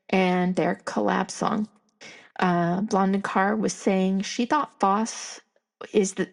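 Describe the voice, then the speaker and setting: A woman's voice: medium pitch, creaky. A woman in her fifties hosting a podcast, talking candidly in a reflective, rambling monologue full of restarts. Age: 50s. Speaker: podcast host.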